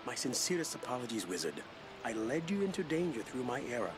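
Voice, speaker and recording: An actor playing a formal, apologetic spiritual guide in a video game, speaking in a measured, courteous way. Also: male voice, medium pitch, very animated, background noise, close to an everyday voice. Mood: solemn. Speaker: quest-giver character in a video game.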